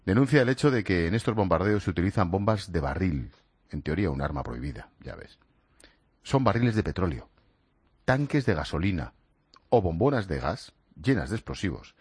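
A man's voice: low voice, sing-song, fairly quick, darkish tone, slightly rough, no echo. A man hosting a radio show, talking straight to the listener in a conversational way. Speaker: radio host.

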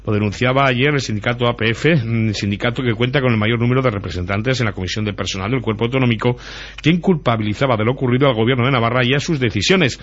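A man's voice: medium pitch, quick pace. A man presenting news and weather on local radio in a conversational way. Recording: dull lo-fi radio audio.

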